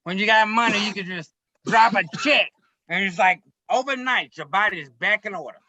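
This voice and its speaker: A man hosts a relaxed chat among friends. He teases them in a playful, theatrical way. His voice sits high and rings very bright, and the recording is dry and slightly muffled. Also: moderate pace, no echo. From United States. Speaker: host. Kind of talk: casual group chat.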